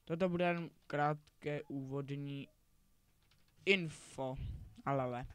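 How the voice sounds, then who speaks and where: Teen boy, fairly high voice, rambling casual game commentary. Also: fairly even intonation, a bit bright, clean tone. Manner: rambling, self-correcting, chatty. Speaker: gaming YouTuber.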